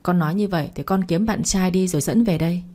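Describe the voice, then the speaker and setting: A woman's voice: fairly low pitch, fast talker, mellow, close to an everyday voice. A woman voicing a stubborn middle-aged mother who scolds her daughter with blunt commands, in a storybook reading. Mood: scolding.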